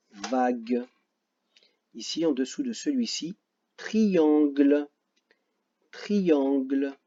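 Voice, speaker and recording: A man with a French accent teaching a phonics lesson to children, slow and patient, repeating each word carefully and joking about his own memory. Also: mid-range voice, warm tone, breathy edge, highs cut off.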